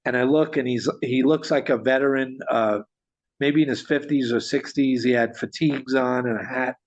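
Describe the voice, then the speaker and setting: A man telling a story in conversation, animated, with frequent restarts and small chuckles. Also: medium pitch, moderate pace. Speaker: guest storyteller. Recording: dull lo-fi sound.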